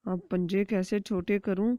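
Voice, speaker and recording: A woman's voice: mid-range voice, fairly even intonation, mellow, no room sound, lightly acted. A woman voicing a scheming, hungry male kite bird villain in a cartoon story, muttering his plans in a growl. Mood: menacing. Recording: dry, dull lo-fi recording.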